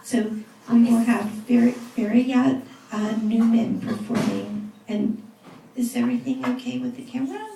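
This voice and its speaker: A woman's voice: on the high side, a little slow, gravelly, dark tone. A woman hosting a poetry reading, introducing the performer hesitantly, with many fillers. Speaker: reading host. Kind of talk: casual introduction. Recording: roomy, distant mic with noise.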